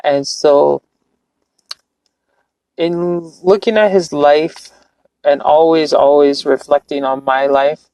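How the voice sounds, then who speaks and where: A live-streamer from California talks slowly and earnestly, reflecting aloud and rambling through restarts. The voice sits in a middle pitch. The sound is dry and close, with no room echo. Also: fairly even intonation, warm tone. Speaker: livestreamer. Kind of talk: casual live-stream talk.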